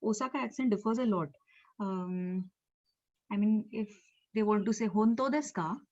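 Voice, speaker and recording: A woman's voice: medium pitch, normal speed, darkish tone. A woman with an Indian English accent teaching Japanese in an online class, explaining step by step with many fillers and repeated words. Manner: explanatory, with frequent fillers and repetitions. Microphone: video call. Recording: lo-fi video call audio.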